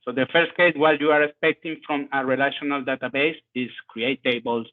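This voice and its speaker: A product manager gives a live technical demo over a video call, speaking in a steady, mid-range voice. His delivery is halting, with non-native phrasing, and the line sounds tinny and phone-like.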